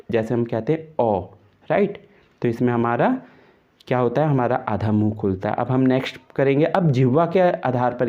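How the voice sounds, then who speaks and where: A man at a middle pitch gives a grammar lesson for exam students. He explains patiently and says the example sounds aloud, and the recording is a little dull and muffled. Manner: explanatory, often adds "right" in English, voices sounds as examples. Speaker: Hindi grammar teacher.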